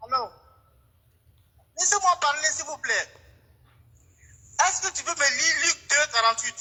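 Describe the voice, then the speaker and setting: A man's voice: very high voice, moderate pace, bright, forceful tone, in a large hall, low-quality recording. A man calling into a live debate, polite but pressing, asking questions and repeatedly saying hello to get a turn. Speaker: caller.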